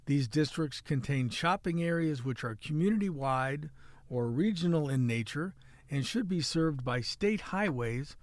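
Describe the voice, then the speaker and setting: A man's voice: on the high side, animated, measured pace, no room sound. A middle-aged man with a Midwestern American accent, hosting a podcast with joking, rambling casual chat and a local news rundown. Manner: joking, chatty, rambling with restarts. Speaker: podcast host and city editor.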